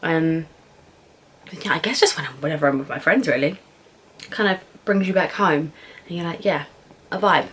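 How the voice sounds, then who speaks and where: A young British woman in a casual Q&A vlog, chatting informally and frankly while eating, thinking aloud with pauses. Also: low voice, fairly bright tone, breathy edge. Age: young adult. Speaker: vlogger answering viewer questions.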